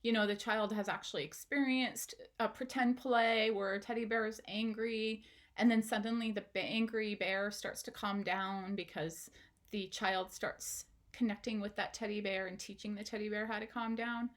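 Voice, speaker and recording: A woman's voice: mid-range voice, steady tone, moderate pace. A woman, a parenting educator, giving an instructional talk straight to the viewer, asking questions and encouraging them.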